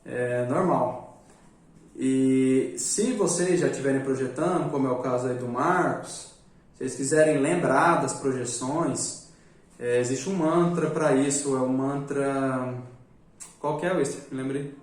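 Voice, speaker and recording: A man teaching a live class, casual and joking, often tagging his points with a quick question. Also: mid-range voice. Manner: joking, chatty, repeats "né?" often. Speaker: magic course teacher. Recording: echoey room, distant mic.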